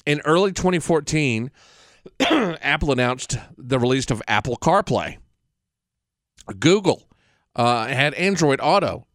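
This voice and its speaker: A man's voice: mid-range voice, a bit bright, no echo, clean studio sound. A man talking off the cuff as a solo podcast host, blunt and opinionated, with casual swearing.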